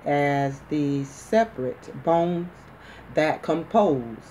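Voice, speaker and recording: A woman giving measured medical dictation for shorthand practice, deliberately, in short phrases with pauses between them. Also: low voice, expressive, mellow, slight background noise. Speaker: dictation instructor.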